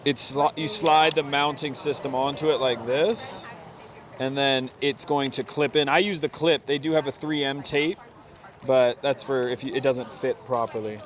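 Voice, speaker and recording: A motorcycle vlogger with a mid-range, slightly bright voice talks at a normal speed with fairly even intonation. He's outdoors among friends, casually walking through a hands-on gear install in informal, slangy talk, calling people "dude."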